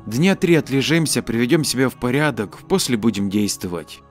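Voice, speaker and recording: A man voicing Ada, a sharp young woman. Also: mid-range voice, animated, faint music behind, natural voice. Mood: tired. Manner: brisk, self-assured, snappish when irritated. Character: young woman time traveller, sharp and practical.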